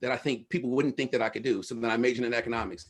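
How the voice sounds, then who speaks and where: Male speaker, middle-aged, from Los Angeles, husky voice, frank slangy storyteller at a lecture. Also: medium pitch, fairly even intonation, rapid-fire. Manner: candid, slangy storytelling with swearing. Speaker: guest speaker and researcher. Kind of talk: casual talk with audience Q&A.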